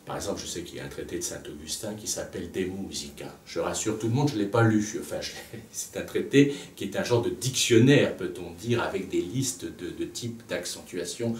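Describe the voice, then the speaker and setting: Deep-voiced man teaching at a blackboard. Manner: thinking aloud with hesitations, repeating words to demonstrate stress. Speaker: music teacher. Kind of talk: lecture at a blackboard. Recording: echoey room, voice from a distance, faint background noise.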